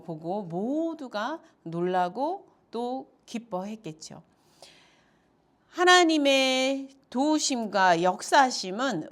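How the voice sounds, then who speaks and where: A woman pastor preaching an expository sermon, retelling the story with acted-out quotes and frequent filler sounds. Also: mid-range voice.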